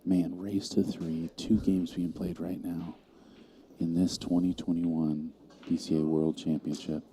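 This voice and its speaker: A man giving calm, analytical live commentary on a pool match, calling each shot. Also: low-pitched, measured pace, background noise.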